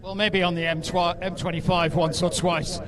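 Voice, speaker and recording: A man's voice: high voice, level tone, moderate pace. A man giving live airshow commentary, addressing the crowd in an informative way with lightly wry asides. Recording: outdoor event with crowd and aircraft noise.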